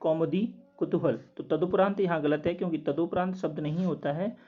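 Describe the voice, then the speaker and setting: A man working through quiz answers as a teacher, steadily repeating each word slowly to explain it. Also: fairly high pitch, fairly even intonation. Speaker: Hindi test teacher. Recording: dull lo-fi recording.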